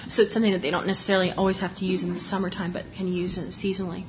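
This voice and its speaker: Racing through a live dermatology lecture, this woman has a lowish voice with little pitch movement and sucks on a lozenge as she talks. Her style is conversational and explanatory, with many restarted sentences. Highs are cut off and there's slight background noise.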